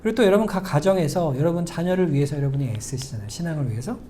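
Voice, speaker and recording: A middle-aged male pastor giving a sermon in a church, talking conversationally, asking the congregation questions and slowing to a near whisper for emphasis. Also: a little high, mellow, slight background noise. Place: church sanctuary.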